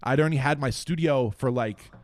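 A man's voice: medium pitch, a little fast, no echo, clean studio sound. A young man, a guest music producer, telling a long story in casual podcast chat, swearing freely.

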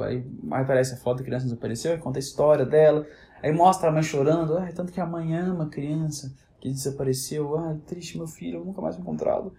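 A man's voice: fairly high pitch, darkish tone. A man, ranting casually and animatedly, rambling with frequent restarts. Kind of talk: casual rant.

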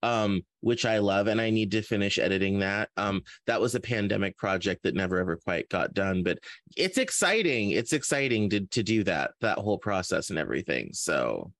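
A man with a lowish, slightly bright voice chats casually as a podcast interview host, speaking animatedly at a moderate pace. He is also a fiction author, and he often repeats and rephrases his words while feeling out a thought. The recording is dry.

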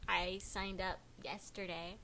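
A woman's voice: medium pitch, little pitch movement, takes it slowly, pushed and bright, slight background noise. A teenage girl co-hosting a casual podcast chat, joking, giggling and trailing off mid-sentence. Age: teens. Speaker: podcast co-host.

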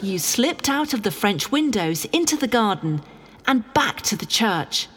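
A woman acting as a sharp lady sleuth in an audio drama, her voice ringing through a long hall reverb. She is highish in pitch and sweeps up and down as she declaims like an accuser. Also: sing-song, a little slow, husky, heavily acted. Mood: accusing. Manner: theatrical, declamatory. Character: Ginger, sharp accusing amateur woman detective, loving beneath.

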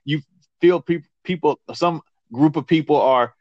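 A man's voice: fairly high pitch, a little slow, darkish tone, no room sound. A man in a heated casual discussion, talking in an angry, emphatic and profane way, repeating himself. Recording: dull muffled lo-fi sound.

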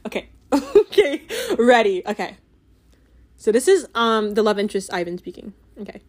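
A woman's voice: medium pitch, moderate pace. A young woman chatting casually about a book she loved, gushing and giggly, with many filler "like"s. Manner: giggly and animated. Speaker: book reviewer. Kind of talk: casual book review chat.

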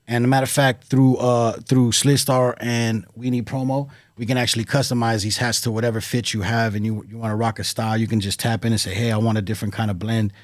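A man's voice: medium pitch, little pitch movement, fast talker, hardly any pauses, dry recording, studio quality. A man, a rapper, casually promoting his work in slangy talk, repeating catchphrases and words for emphasis. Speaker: rapper promoting merchandise and music.

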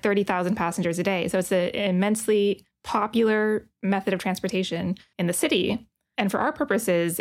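A woman co-hosting a podcast, explaining things in a friendly, chatty way with some fillers. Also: mid-range voice. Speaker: podcast co-host. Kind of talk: casual chat.

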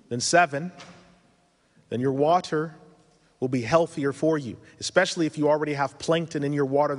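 A man in his thirties with a foreign accent, giving an earnest religious lecture at a conference, full of advice and rhetorical questions. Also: on the high side. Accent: foreign accent he mentions himself. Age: 30s. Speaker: conference speaker. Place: conference hall. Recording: reverberant conference hall.

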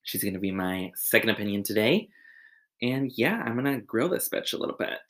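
A young woman hosting a casual podcast, crude and teasing, often breaking into loud laughter. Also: extremely low pitch, big pitch swings, fairly quick. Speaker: podcast host.

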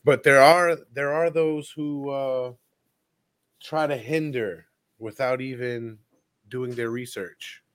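A man's voice: medium pitch, fairly even intonation, takes it slowly, fairly bright tone. Easygoing male interview host. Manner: affirming, easygoing. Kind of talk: casual interview.

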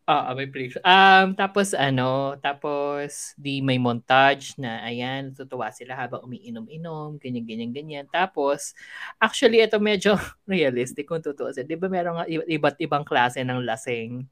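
A man, co-hosting a casual chat and retelling scenes from a series with animated storytelling. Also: mid-range voice, moderate pace. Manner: animated storytelling, mixes Tagalog and English. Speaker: podcast co-host.

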